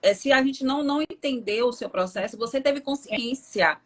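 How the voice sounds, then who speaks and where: Calm Brazilian woman psychologist explaining. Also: on the high side. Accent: Brazilian Portuguese. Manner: measured, explanatory. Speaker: psychologist guest. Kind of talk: interview explanation.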